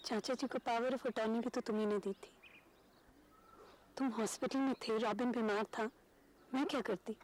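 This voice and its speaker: A woman's voice: on the high side, steady tone, normal speed, long pauses, a little mellow, slight background noise, natural voice, rough recording. An actress playing a worried wife who pleads with and soothes her husband. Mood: pleading. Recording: music underneath.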